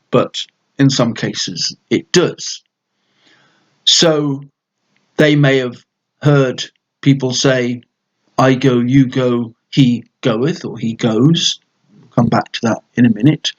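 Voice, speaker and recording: Slow, measured man giving a lecture. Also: mid-range voice, lo-fi sound. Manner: measured, explanatory, pausing between short phrases. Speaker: lecturer explaining dialect history. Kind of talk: explanatory lecture to viewers.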